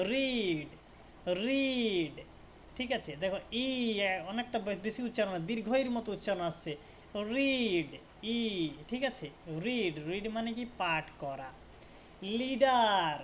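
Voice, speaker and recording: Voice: mid-range voice, slight background noise. A teacher giving an English pronunciation lesson, repeating words and asking "right?" after nearly every point, sometimes stopping to correct a slip. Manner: repetitive, checks understanding with frequent questions; self-correcting, pauses to fix mistakes. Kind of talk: classroom lesson explaining spelling rules.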